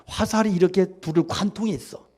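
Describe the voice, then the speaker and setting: A man preaching a Sunday sermon, swinging from loud exclamations to hushed, intimate asides. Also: sits high. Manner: sings hymn lines slowly. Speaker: pastor.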